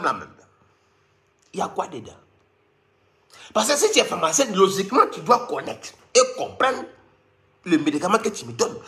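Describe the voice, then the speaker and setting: A man with a Cameroonian French accent delivering a mocking, scolding comic rant to his viewers, with sudden squeaky jumps. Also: bright, forceful tone. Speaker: online commentator.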